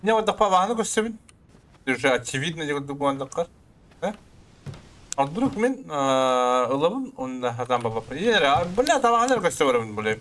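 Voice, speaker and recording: A man's voice: a little high, big pitch swings, moderate pace, fairly bright tone, a little hiss or hum. A man doing casual horror let's-play commentary, nervous and jumpy, muttering and swearing to himself as he reacts to the game.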